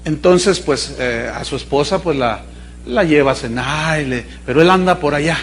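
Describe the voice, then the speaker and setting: A man's voice: fairly high pitch, moderate pace, a little hiss or hum. A man with a Mexican accent preaching a sermon in a chatty, storytelling way, often checking in with his listeners. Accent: Mexican Spanish.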